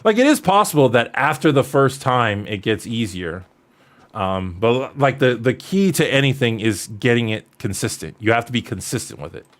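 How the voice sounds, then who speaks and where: In a medium-pitched voice with lively intonation and normal speed, a streamer in his early thirties answers viewer questions. His casual chat rambles and leans on jokey self-deprecation, and background noise is noticeable.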